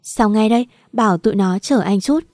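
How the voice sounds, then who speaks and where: A woman's voice: mid-range voice, a little fast, mellow, dry recording, clean studio sound, lightly acted. A woman voicing a cool, arrogant rich young man in an audio story, speaking curtly.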